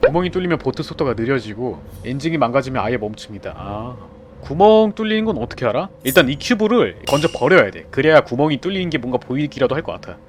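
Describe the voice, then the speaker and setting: Talking fast in a mid-range voice, a young man commentates live on the horror game he's playing, with slight noise in the background. The streamer is excitable, chatting with teammates and letting out yelps and shouts when he gets startled.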